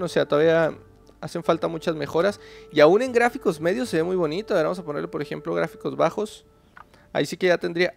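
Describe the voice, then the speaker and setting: A man's voice: on the high side, vocal fry. A man chatting casually to viewers while playing a game, talking to himself and to creatures on screen. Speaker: gaming channel host. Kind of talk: casual gameplay commentary.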